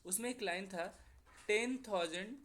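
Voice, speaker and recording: Slow-talking Indian man teaching English. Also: high voice, a bit bright. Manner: slow, drawn-out repetition of example sentences. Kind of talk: classroom lesson explaining figures of speech.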